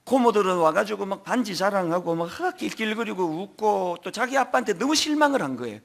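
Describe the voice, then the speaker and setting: A middle-aged man preaching a sermon as pastor, telling stories with emphatic swings in pitch and loudness. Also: animated, brisk, creaky. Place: large church sanctuary.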